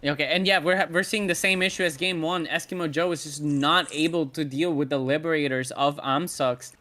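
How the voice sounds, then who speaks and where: A man casting a live esports match, giving brisk play-by-play and chuckling between calls. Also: on the high side, fairly even intonation, pushed and bright. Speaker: esports caster. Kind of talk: live game commentary.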